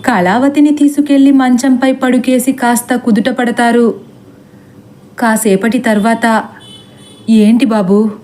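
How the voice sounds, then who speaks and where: A woman narrating a scripted horror story in a steady, dramatic storytelling way. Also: fairly high pitch, measured pace.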